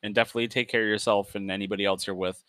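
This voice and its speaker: A man's voice: on the low side, rapid-fire, no room sound, studio quality. A man hosting a casual podcast with friends, joking and laughing. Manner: playful, laughing, animated sign-off. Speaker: podcast host.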